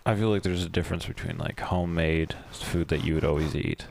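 A man co-hosting a podcast in casual chat, teasing and full of quick jokes and wordplay. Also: sits low, fairly even intonation, vocal fry, a little mellow. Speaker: podcast co-host.

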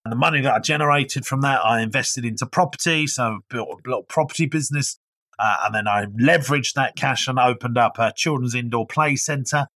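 Energetic Essex man, close dry sound. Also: a little fast, no echo. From Essex, England. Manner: high-energy, upbeat. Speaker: guest entrepreneur and business speaker. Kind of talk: energetic interview talk.

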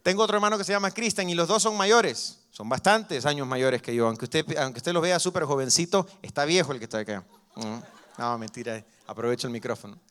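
Lively young preacher with a raised pitch. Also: male voice, a little fast. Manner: lively storytelling that acts out dialogue. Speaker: pastor. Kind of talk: sermon.

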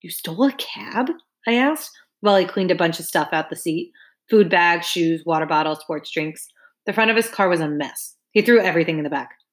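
A woman's voice: fairly low pitch, a little fast. A woman reading a first-person audiobook narration in a casual, wry, conversational way.

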